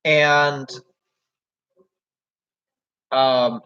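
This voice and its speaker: A man's voice: mid-range voice, fairly even intonation, extremely slow, bright, forceful tone. A young man in casual chat, retelling a job situation at length with lots of "like" and "so". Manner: rambling retelling full of "like" and "so". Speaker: job applicant telling a story. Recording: dull lo-fi recording.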